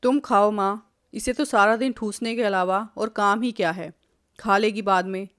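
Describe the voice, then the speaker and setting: Woman reading a bossy young husband, sneering and loud, storybook figure. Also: mid-range voice, steady tone, normal speed, no room sound, studio quality, close to an everyday voice. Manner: sneering, shouting.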